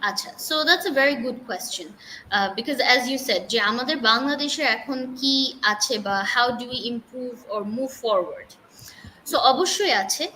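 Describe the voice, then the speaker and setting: High bright-voiced woman, unhurried teacher. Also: expressive, a little hiss or hum, rough recording. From Bangladesh. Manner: thoughtful, with many fillers and restarts. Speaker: English teacher, guest. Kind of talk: casual interview talk, mixing English and Bengali.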